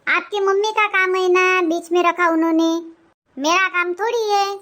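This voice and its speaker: A woman voicing a sharp-tongued young daughter-in-law in a cartoon, defiant and talking back. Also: extremely high pitch, steady tone, moderate pace.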